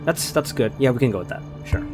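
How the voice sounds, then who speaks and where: A man's voice: medium pitch, lively intonation, fast talker, faint music behind. A man running a tabletop role-play game as game master; he narrates scenes and explains them with hesitant restarts.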